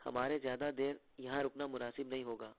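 A cautious, serious guide, as a male storybook reader voices him, matter-of-fact in every word. The voice has a gravelly fry. The audio is thin and phone-like. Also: mid-range voice, little pitch movement, brisk, dry recording, lightly acted.

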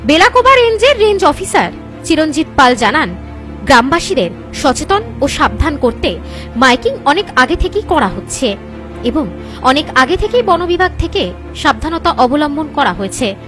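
A woman's voice: sits high, very animated, moderate pace, music in the background. A young woman with an Indian Bengali accent reading scripted news as a presenter.

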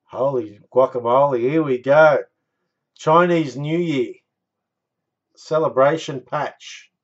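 A man's voice: mid-range voice, takes it slowly, dull audio. A man in his thirties hosting a live card break, calling out numbers and winners with catchphrases like a bingo caller. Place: small indoor room stacked with boxes.

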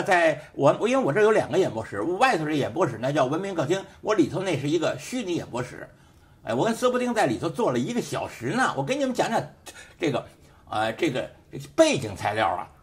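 A man's voice: sits high, very animated, fast talker. A man who hosts a show and teaches sociology, giving an emphatic, repetitive political commentary full of rhetorical questions in a studio. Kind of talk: casual political commentary monologue.

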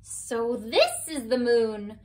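A woman's voice: fairly high pitch, huge pitch swings, drawn-out words, far from the mic, exaggerated voice. A woman voicing a plucky little girl moth from a storybook, eager and exclaiming.

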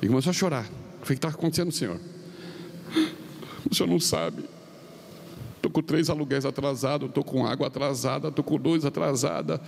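A middle-aged Brazilian man preaching as a pastor, telling a story with quoted dialogue and swinging his pitch up and down. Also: fast, gravelly, a little mellow. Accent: Brazilian Portuguese. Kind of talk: sermon storytelling. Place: large arena. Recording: long reverb of a large arena, faint noise.

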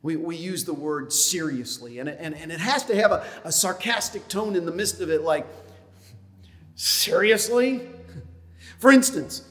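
A pastor preaches in a folksy, joking way, full of fillers and asides. His voice is a man's and sits somewhat high for a man. The church around him rings with a long reverb. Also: moderate pace, hardly any pauses. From upstate New York. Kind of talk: sermon. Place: church sanctuary.

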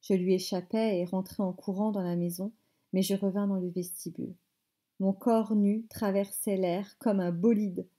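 A woman teacher reading a novel aloud in measured phrases, stopping to explain words. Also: mid-range voice, fairly even intonation, dark tone. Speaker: French teacher.

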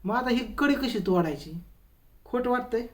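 A man's voice: very high voice, animated, moderate pace. Grumbling man in a comic vlog. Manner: grumbling, exasperated storytelling. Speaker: comedian. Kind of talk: comic vlog monologue to camera.

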